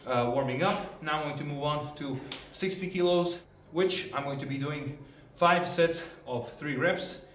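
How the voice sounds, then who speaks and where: A man's voice: fairly high pitch, a little slow, hardly any pauses, a bit bright, a little hiss or hum. Man vlogging his workout from afar. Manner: breezy, explaining exercises between sets with many fillers. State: out of breath at times. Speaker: arm wrestler filming his training. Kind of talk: casual training vlog. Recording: roomy sound from a far camera, faint music.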